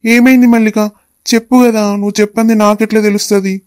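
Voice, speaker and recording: A woman voicing a doting, quick-tempered young husband in a cartoon, coaxing. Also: on the high side, level tone, darkish tone, clear, resonant tone, no echo, clean studio sound, close to an everyday voice. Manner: coaxing, calls his wife endearments.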